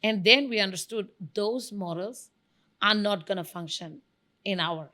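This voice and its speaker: With a mid-range voice that sounds pushed and bright, this Bangladeshi venture studio founder responds to interview questions at a measured pace. She is emphatic and enthusiastic as a guest and rattles off examples.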